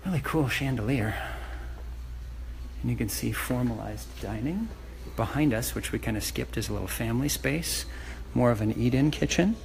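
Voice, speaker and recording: A man's voice: medium pitch, lively intonation, normal speed, gravelly, darkish tone. A man working as a real estate agent, chatting casually and with enthusiasm to live viewers as he walks through a house tour. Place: walking through a large house and its outdoor areas. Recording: noisy live phone video, ambient traffic noise.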